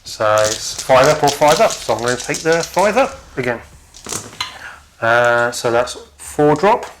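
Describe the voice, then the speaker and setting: A man's voice: mid-range voice, very animated, unhurried, background noise. Matey New Zealand man, casual game commentary. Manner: chummy, matey banter. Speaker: tabletop wargame player.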